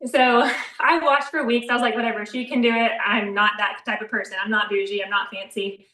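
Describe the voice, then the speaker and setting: A woman's voice: a little high, flat delivery, bright, forceful tone. A young woman, talking casually and laughing often as she tells her story from an echoey bathroom. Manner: chatty, quick and informal, laughs often. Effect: echoey bathroom sound. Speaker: co-presenter in an online coaching session. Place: small home bathroom, indoors. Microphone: live video call, away from the mic. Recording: echoey room, voice a bit far off.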